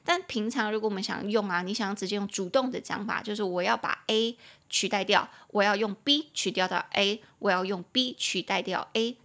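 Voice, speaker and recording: A woman's voice: mid-range voice, bright, forceful tone. A young woman with a Taiwanese Mandarin accent hosting a bilingual English lesson podcast, chatty and spelling words out letter by letter.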